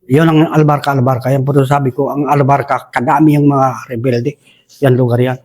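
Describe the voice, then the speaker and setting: A man's voice: medium pitch, level tone, brisk, a little mellow. A man from Basilan, a retired soldier, telling a war story in a rambling way and addressing the host as "Sir" over and over. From Basilan, Philippines. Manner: respectful, says "Sir" constantly, rambling with restarts.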